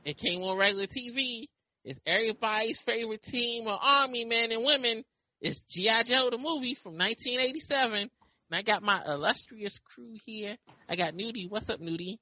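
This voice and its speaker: Podcast host, man, high bright voice, loose joking delivery, lo-fi call audio. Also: fairly quick, no room sound. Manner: loose, joking, swears casually. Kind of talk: casual podcast chat.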